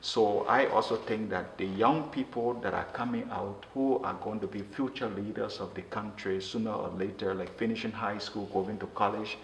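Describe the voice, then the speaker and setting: A man from Liberia, speaking earnestly in an interview and often halting and restarting his words. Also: lowish voice. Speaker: interview guest. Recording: roomy echo with faint noise.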